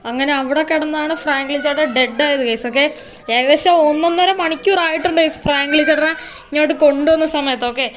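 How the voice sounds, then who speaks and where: A woman's voice: high voice, steady tone, fast talker, fairly bright tone, faint music behind. A woman narrating an amateur story video, talking to viewers in an emotional, repetitive way.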